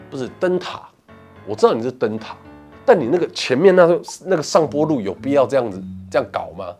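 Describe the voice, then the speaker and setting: A middle-aged man in a casual interview, telling stories in an animated, complaining way. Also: medium pitch. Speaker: reality show participant. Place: indoor interview room, seated. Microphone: lapel mic.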